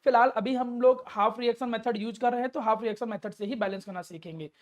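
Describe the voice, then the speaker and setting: In a classroom chemistry lecture, a fast-talking woman whose voice is a bit high works through the material step by step. She asks herself questions and supplies the answers, calling the student by affectionate terms.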